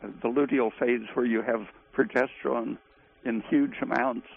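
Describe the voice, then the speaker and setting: A man speaking as a guest expert on a call-in radio show, halting, with frequent pauses. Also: medium pitch, steady tone, gravelly. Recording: tinny phone line.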